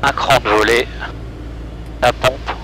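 A man's voice: mid-range voice, fairly even intonation, slow pace. A male pilot talking through terse checks in a small aircraft cockpit. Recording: cockpit audio, loud engine noise. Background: aircraft engine noise.

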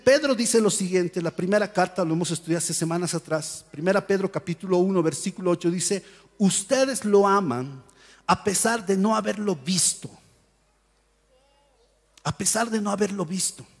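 A male pastor preaching a sermon in a church, telling Bible stories in a lively way and acting out the voices of the people in them. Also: high-pitched, long reverb tail. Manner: animated storytelling, acts out voices and shouts. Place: church hall.

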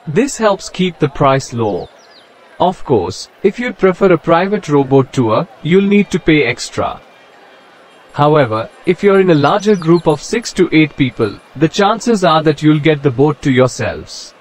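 A man's voice: fairly high pitch, measured pace. Man narrating a travel voice-over. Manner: even, informative guidebook delivery. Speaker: travel vlogger.

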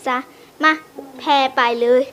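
A woman hosting a casual home vlog, chatty and quick to switch between polite phrasing and blunt slang while bossing friends around off camera. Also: sharp tone, soft background music. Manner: bossy toward friends off camera. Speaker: vlogger reviewing birthday gifts.

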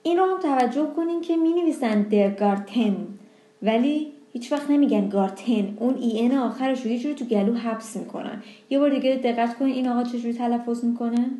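A young woman with a slightly high voice teaches a language lesson, patiently explaining pronunciation and slowing down on example words, with music in the background.

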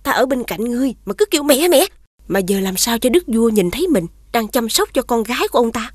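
A woman's voice: on the high side, lively intonation, brisk, no room sound, clean studio sound. A woman voicing a scheming female witch who poses as the queen's sister in a cartoon, sly and commanding. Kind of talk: cartoon dubbing.

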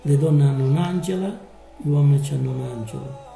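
A man preaching a live sermon, slow and emphatic, drawing out his words. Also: on the high side, creaky, dark tone, echoey room, faint music behind, poor audio.

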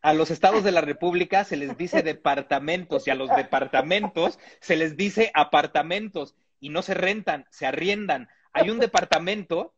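A man's voice: fairly high pitch, moderate pace, few pauses, breathy edge, lo-fi sound. A man from Mexico, reading a humorous text aloud with comic asides and chuckles.

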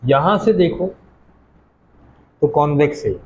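A man from Pakistan teaching a class, explaining English pronunciation patiently, repeating words slowly and putting questions to the students. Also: fairly high pitch, animated, darkish tone, slight background noise, rough recording. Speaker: college teacher.

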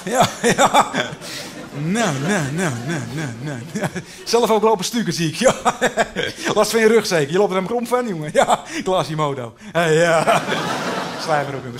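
A man playing a pushy, overly familiar contractor in a cabaret sketch, talking in brash, repetitive sales patter. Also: high voice. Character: pushy chummy male contractor, upselling. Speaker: contractor inspecting a house.

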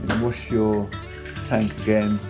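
A man's voice: on the low side, takes it slowly. A man giving a casual, practical how-to talk in his home kitchen, with some fillers. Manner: relaxed, plain and practical, with fillers. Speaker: photography hobbyist demonstrating. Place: home kitchen, indoors, at the sink. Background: running tap water and loud music.

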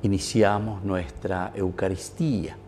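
A middle-aged priest at a chapel altar, quickly reciting the opening prayers of Mass. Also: male voice, low-pitched, fairly even intonation, darkish tone, a little hiss or hum.

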